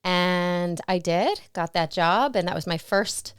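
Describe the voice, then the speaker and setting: A woman's voice: fairly low pitch, takes it slowly, smooth, dry recording, clean studio sound. A woman guest in an interview, reflecting on her career in a casual storytelling way and often laughing. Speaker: interview guest, stunt performer and actress.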